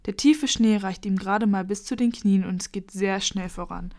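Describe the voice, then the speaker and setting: A woman's voice: mid-range voice, normal speed. Woman reading a children's story. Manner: lively, expressive.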